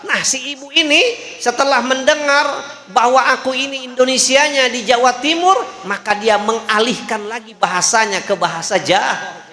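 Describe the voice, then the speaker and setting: A man's voice: extremely high pitch, pushed and bright. A man preaching, telling a story in a sermon with a jovial manner, laughing often and checking in with the audience. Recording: echoey hall.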